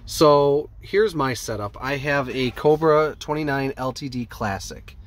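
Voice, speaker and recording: In a rambling, informal chat to camera, a Midwestern man vlogs from inside a parked van, the device held at arm's length. His mid-range voice has lively intonation and a measured pace, and the audio carries vehicle ambience and clear background noise.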